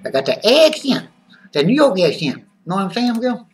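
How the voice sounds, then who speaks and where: A man's voice: sits high, very animated, moderate pace, far from the mic. A man voicing a zany, boastful male wrestling-fan character who drawls and talks about himself in the third person. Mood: brash.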